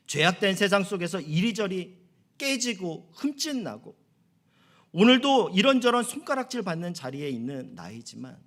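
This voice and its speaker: A man's voice: fairly high pitch, gravelly. A middle-aged man preaching a sermon as pastor, earnest, lifting his voice on key phrases. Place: church sanctuary.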